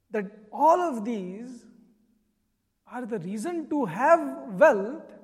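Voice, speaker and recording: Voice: mid-range voice, a little mellow, slightly rough. A spiritual teacher giving an earnest, explanatory sermon. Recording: long reverb.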